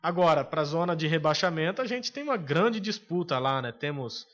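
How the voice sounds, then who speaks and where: Brazilian man, podcast co-host, casual football talk, a bit higher voice, hesitant fillers. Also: animated, a bit bright. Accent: Brazilian Portuguese. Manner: opinionated, hesitant with frequent filler pauses. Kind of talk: casual sports chat.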